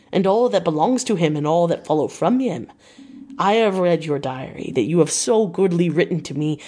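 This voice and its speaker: A woman voices an old doctor from a gothic audiobook, using a fairly low, slightly mellow tone. The character is grave yet effusive and kindly, stressing his words in formal, broken English.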